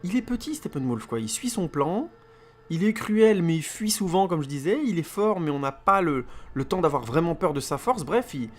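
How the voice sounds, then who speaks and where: A man's voice: on the high side, big pitch swings, moderate pace. A man giving a casual spoken film review as a podcaster, rambling with many fillers and repeated words.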